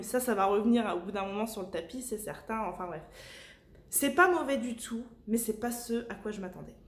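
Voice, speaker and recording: A woman book vlogger, talking casually at home with many filler pauses. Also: fairly high pitch. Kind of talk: casual vlog chat. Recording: echoey room.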